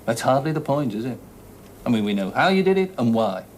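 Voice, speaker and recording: This is a brusque police inspector in a TV crime drama, played by a man, and his voice rises and falls a great deal. He presses and needles the people he questions. Clear background noise runs under his lines. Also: mid-range voice, very animated, fairly quick, natural voice. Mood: probing. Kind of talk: British television drama acting.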